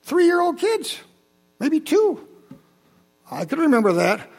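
A seventy-something church speaker from Holland, Michigan, chats with his congregation as he shares Bible tales and stories from his childhood, turning aside to address listeners directly. His very high, slightly mellow voice swoops wildly in pitch and moves slowly.

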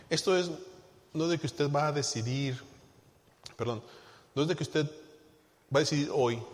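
A man preaching a sermon, asking his congregation questions and swinging between hushed and loud emphasis. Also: medium pitch. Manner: call-and-response questions to the congregation. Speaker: pastor. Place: church sanctuary. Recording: long hall reverb.

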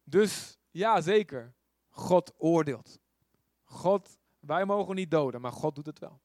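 Male preacher, informal and animated, fond of rhetorical questions, dry close sound. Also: a little high, slow, no echo. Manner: animated storytelling with acted quotes. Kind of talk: conversational sermon.

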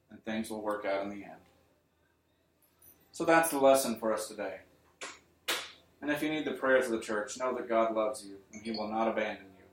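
A male preacher giving an earnest sermon to his congregation, building up to emphatic points and then easing into quiet appeals. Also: mid-range voice. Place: church. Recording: roomy church sound, mic at a distance.

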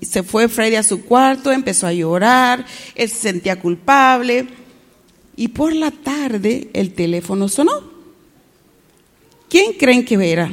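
A woman's voice: a little high, unhurried, pauses often, in a large hall. Woman telling children a story. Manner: asks the children questions, animated.

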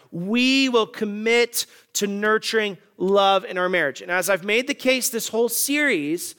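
With a high-pitched voice that sounds pushed and bright, a pastor in his thirties delivers a marriage sermon. He jokes and talks conversationally, asking the congregation questions along the way.

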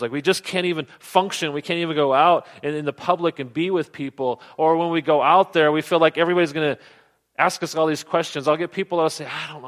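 A man preaching a sermon, earnest, often dropping to soft, low tones for emphasis. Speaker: pastor.

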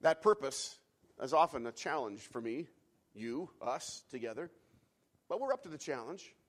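A man preaching a sermon, moving from quiet reflection to fervent, emphatic climaxes, repeating key phrases. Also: mid-range voice, very animated, moderate pace. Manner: builds from hushed reflection to fervent, loud climaxes; repeats phrases for emphasis, some restarts and fillers. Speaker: pastor.

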